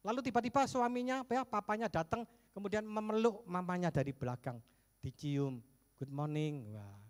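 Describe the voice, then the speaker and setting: A man preaching a sermon as pastor, jumping between emphatic bursts and hushed low asides, with jokes along the way. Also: expressive, normal speed. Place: church sanctuary. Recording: echoey church hall.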